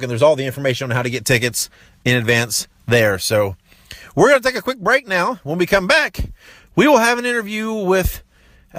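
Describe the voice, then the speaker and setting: A man hosts a podcast in a loose, rambling way, restarting his sentences. His voice sits a little high and sounds dry and close. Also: fairly bright tone, no echo. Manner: rambling with many fillers and restarts. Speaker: podcast host. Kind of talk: casual podcast monologue.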